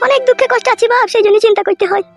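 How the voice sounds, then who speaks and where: A woman's voice: extremely high pitch, fairly even intonation, very fast, gravelly, music in the background. A woman acting in a comic family sketch, scolding and quarrelling dramatically.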